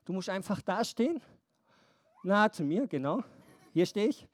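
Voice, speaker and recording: A woman telling a Bible story to a group of children, animated, asking them questions and counting along with them. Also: medium pitch, normal speed, dry recording.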